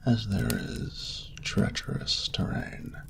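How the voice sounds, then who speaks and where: For an intimate romantic audio roleplay, a man speaks as a proud, flirtatious male dragon in a natural voice with a gravelly, half-whispered rumble. His phrasing is formal, grandiose, and unhurried, and the mood comes across as flirtatious and grand.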